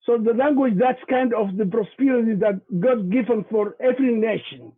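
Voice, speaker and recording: A native Somali speaker with a Somali accent gives a halting presentation over a video call, repeating words and leaning on many fillers. His voice is very high-pitched, and the call audio sounds tinny and phone-like.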